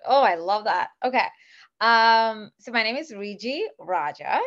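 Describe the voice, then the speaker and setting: A woman's voice: fairly high pitch, expressive, a little slow, a bit bright. A woman in her thirties from Kuwait, a podcast guest talking enthusiastically and chattily with many fillers over a video call from a home office. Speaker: podcast guest, business founder. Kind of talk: casual interview talk. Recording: dull lo-fi video call audio.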